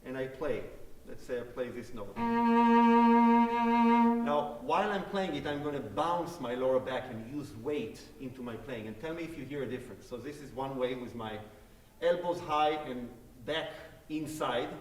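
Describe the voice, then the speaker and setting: Faint music sits behind this mid-range male voice as a guest cellist, a native Hebrew speaker, answers a concert audience's questions at normal speed. He's friendly and explanatory, demonstrating as he talks, and sounds far away in the echoey hall.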